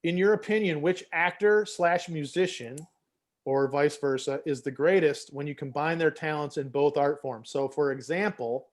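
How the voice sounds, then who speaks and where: A man's voice: a little high, fairly even intonation, normal speed. A man from Michigan hosting a casual podcast chat, laid-back and swearing casually. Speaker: podcast host.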